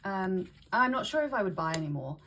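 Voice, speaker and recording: A woman vlogger chatting casually to camera, breathy and a little short of breath with hay fever, often restarting and repeating her phrases. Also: mid-range voice, animated, brisk, fairly bright tone, slight background noise, low-quality recording. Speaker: vlogger showing tarot decks.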